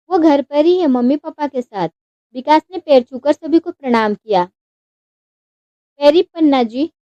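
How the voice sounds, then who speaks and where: High-voiced woman reading a story. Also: warm tone, no echo. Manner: plain reading with small restarts and self-corrections. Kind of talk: reading a family drama story aloud. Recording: dry, dull lo-fi recording.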